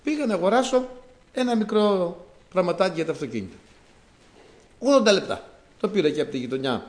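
A man from Greece preaching a sermon to his congregation, talking in an animated way and rising to emphatic outbursts. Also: high voice.

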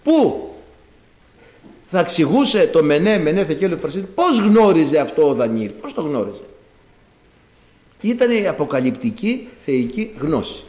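Male preacher, sermon, lively storytelling, higher voice, roomy echo. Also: pauses often. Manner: animated storytelling, acting out the quoted characters. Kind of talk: sermon retelling a Bible story. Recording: echoey room.

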